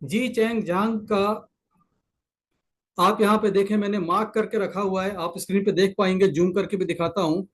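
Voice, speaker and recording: A man with an Indian accent walks listeners through a talk over a video call, his voice sitting high. He explains patiently, repeating key points and slipping English terms into his Hindi. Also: little pitch movement, fast, hardly any pauses, low-quality recording. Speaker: presenter explaining a product's science. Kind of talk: online presentation sharing a screen. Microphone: computer mic on a video call.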